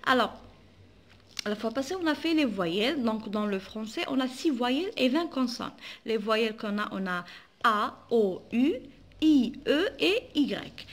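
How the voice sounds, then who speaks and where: A woman's voice: on the high side, animated, unhurried. A woman teacher with an Algerian French accent, giving a phonics lesson for children and spelling out sounds syllable by syllable.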